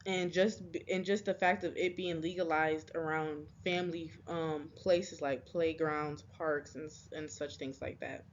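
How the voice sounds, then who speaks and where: A young woman delivers a persuasive speech for a class in a lowish voice. She stumbles often, with ums, false starts and quick apologies. The recording is slightly muffled. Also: fairly even intonation, a little hiss or hum. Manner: halting, with frequent ums, restarts and apologies. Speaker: student giving a class speech.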